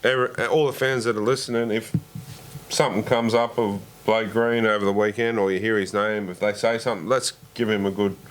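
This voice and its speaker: Laconic Australian man, blokey and halting. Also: lowish voice, fairly even intonation. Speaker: podcast host. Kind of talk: casual rugby league fan chat.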